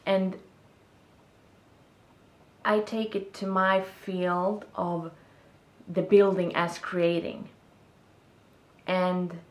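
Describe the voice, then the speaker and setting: A young Swedish woman vlogs from a small room, sitting on her bed and talking to the camera in English, her second language, with a Swedish accent. Thoughtful and gesturing, she hunts for words in a casual, reflective monologue. Her voice sits on the low side, and the room is reverberant.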